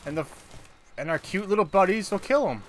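A man with a high-pitched, animated voice talks fairly quickly while playing a co-op video game. His chat is casual and sarcastic, with some swearing, over background game noise and ambience.

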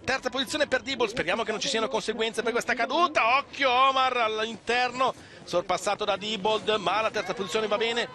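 A man's voice: sits high, fast, few pauses, a crowd in the background. An Italian man giving breathless, urgent, emphatic live sports commentary on a race. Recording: clear outdoor event noise behind.

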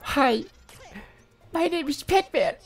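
A man's voice: extremely high pitch, animated, slow, pitched above the performer's own voice, full character voice. A man voicing a cheerful, childish mock video game hero in a simple-minded, goofy manner. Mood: goofy hopeful.

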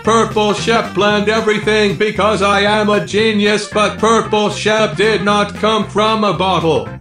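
A man voicing a naive, cheerful childlike purple sheep who talks slowly and refers to himself in the third person. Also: high voice, steady tone, a bit bright, roomy sound, soft background music. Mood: silly. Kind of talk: gaming video banter.

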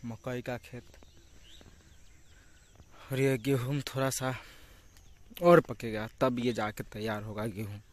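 A young vlogger with a Bihari accent takes it slowly as he narrates a farm tour, leaving long pauses between repetitive, casual explanations. His mid-range voice is fairly even, and his phone captures obvious rural sounds in the open fields.

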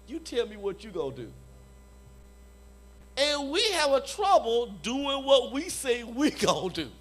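Man, high-pitched voice, emphatic preaching, calls for amen, church conference talk. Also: fairly bright tone. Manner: emphatic, repeats phrases, calls for "Amen?" from the audience. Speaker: conference evangelism leader. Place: church hall before a live audience.

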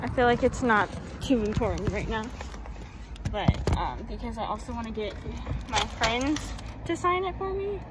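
A woman's voice: a little high, lively intonation, moderate pace. A young woman in her late teens chatting casually and rambling to her vlog. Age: late teens, young adult. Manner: rambling, with frequent "like" and "you know". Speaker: student vlogger. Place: outdoors walking, then inside a parked or moving car. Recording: distant mic, loud car and outdoor noise.

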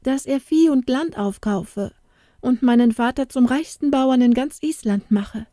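A woman doing a frightened young farmer's daughter in an audiobook fairy tale. She speaks high and tearful, slowly and breathlessly. The tone is dark and mellow, the sound close and dry. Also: no echo. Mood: upset.

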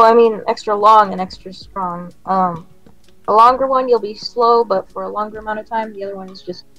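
A woman's voice: fairly high pitch, fairly bright tone, no room sound. Young woman on a dull, dry voice-chat mic; rambling, giggly, uses many fillers. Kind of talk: casual gaming chat. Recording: dry, dull-sounding mic with faint music.

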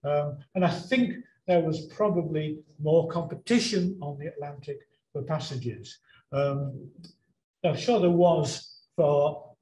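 A man's voice: fairly high pitch, warm tone. A man answering audience questions about sea shanties in a chatty, hesitant way, with many ums. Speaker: guest speaker on sea shanties. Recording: roomy echo.

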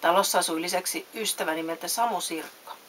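A woman reading a children's fairy tale aloud, lifting her voice for the characters' lines. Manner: reads voices with raised pitch and loudness. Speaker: storyteller. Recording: faint hiss.

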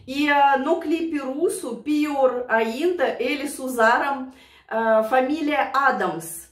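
Slowly and in a high-pitched voice, a woman from Siberia recalls old memories for her viewers, laughing often, showing emotion and speaking to them affectionately. She's a song-reaction vlogger with a Russian accent, recorded far from the microphone in a roomy space.

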